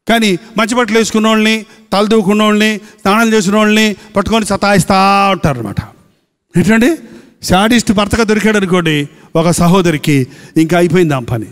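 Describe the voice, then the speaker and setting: A pastor preaching a sermon with a Telugu accent, asking rhetorical questions and repeating phrases for emphasis. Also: male voice, sits high. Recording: long hall reverb.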